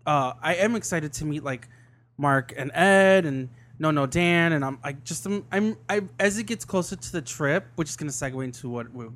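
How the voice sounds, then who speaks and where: A man with a somewhat high voice chats casually as a podcast co-host. He talks haltingly, often repeating words as he finds his thought. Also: a bit bright. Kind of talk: casual chat.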